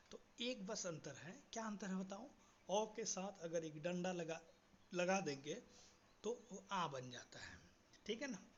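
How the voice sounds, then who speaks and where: A man leads a writing lesson, and his voice sits a little high for a man. He quizzes his students and stretches out each letter as he writes it. The recording is dull and lo-fi, with a faint hiss underneath. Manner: asks quiz questions, slows down to spell out letters. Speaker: teacher. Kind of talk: classroom-style writing lesson.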